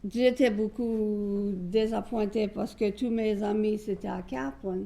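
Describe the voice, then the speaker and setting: Older female guest, Cajun French accent, creaky voice, unhurried and chatty. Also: mid-range voice, fairly even intonation, mellow. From south Louisiana, United States. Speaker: guest, singer. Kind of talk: casual reminiscing.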